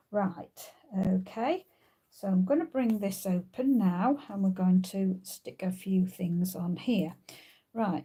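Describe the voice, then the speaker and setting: A woman's voice: medium pitch, warm tone, breathy edge. A woman hosting a craft tutorial, thinking aloud as she works, with frequent ums and uhs. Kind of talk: casual crafting demonstration.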